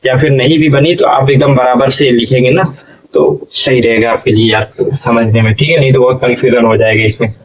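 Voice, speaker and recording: A man's voice: medium pitch, steady tone, distant mic, lo-fi sound. A male teacher giving a patient lesson, stretching out syllables and often checking in with his listeners. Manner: patient, drawn-out syllables, frequent "okay?" checks. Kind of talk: classroom lesson.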